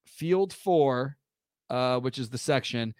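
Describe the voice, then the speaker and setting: A man's voice: medium pitch, takes it slowly, a little mellow, no room sound, studio quality. A man, co-hosting a podcast in loose, jokey chat, swearing now and then and telling stories. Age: older than co-host. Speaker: podcast co-host. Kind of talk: casual chat.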